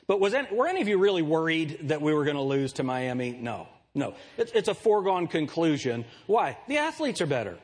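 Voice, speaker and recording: A middle-aged man preaching a sermon, joking and asking the congregation questions, with a light, nasal voice. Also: a little high. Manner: jokey, animated preaching with rhetorical questions. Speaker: pastor.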